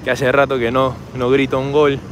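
A man with a Peruvian Spanish accent, hoarse from shouting, chatting casually to his handheld camera as he walks through a city park at night. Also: mid-range voice, completely flat delivery, normal speed, slight background noise. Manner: chatty, rambling, talks straight to camera while walking. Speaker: travel vlogger. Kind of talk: casual walking vlog.

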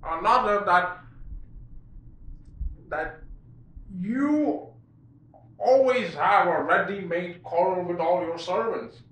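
A man in his twenties performing a classical comic stage monologue as a frank, mocking servant, theatrical and deliberate, with dramatic pauses. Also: high-pitched, fairly bright tone. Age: 20s. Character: frank, mocking male servant addressing his miserly master. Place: small bare room indoors. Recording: echoey room.

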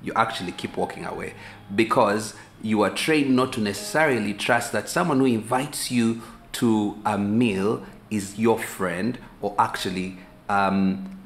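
A relaxed, talkative conversational sermon comes from a Ugandan-accented pastor in his forties, seated on a sofa indoors and addressing the camera. His lowish voice keeps a moderate pace as he gestures and repeats words while thinking. A camera a few feet away shoots him in medium shot, in a small echoey room with faint hiss.

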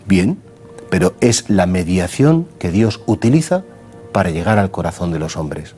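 A man's voice: low-pitched, very animated, a little slow, mellow. A middle-aged man with a Spanish accent, a priest giving a conversational gospel homily, asking earnest rhetorical questions. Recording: faint background music.

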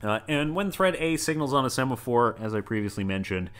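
A man's voice: mid-range voice, expressive, fairly quick, a bit bright, clean tone. Rambling male university lecturer. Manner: rambling, with many asides and everyday analogies. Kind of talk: recorded lecture.

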